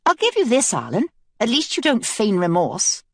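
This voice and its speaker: A woman's voice: a little high, huge pitch swings, moderate pace, husky, dry recording, clean studio sound, voice pushed up, exaggerated voice. A woman voicing a young queen who speaks firmly and earnestly. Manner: firm, earnest.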